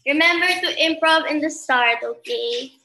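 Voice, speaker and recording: A woman's voice: high voice, moderate pace, bright, forceful tone, rough recording. A woman with a Filipino accent teaching a dance class, encouraging the students and counting the beats aloud.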